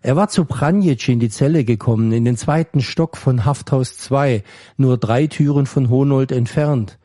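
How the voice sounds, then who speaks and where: A man reading a story aloud in a calm, measured way. His voice is mellow and warm, of middle pitch. The recording is dry, with no room sound. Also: no room sound. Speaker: story reader. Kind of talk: scripted narration.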